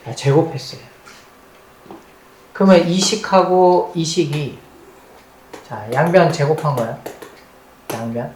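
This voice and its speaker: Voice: mid-range voice, takes it slowly, pauses often. A math teacher giving a recorded lecture at the board. The teacher repeats key points and quizzes the students, mixing polite and casual speech. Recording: roomy echo with faint background noise.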